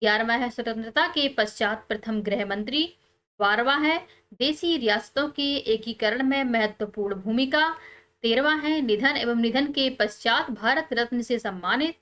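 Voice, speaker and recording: A woman teacher, calmly explaining textbook answers step by step and pausing on key words. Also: on the high side.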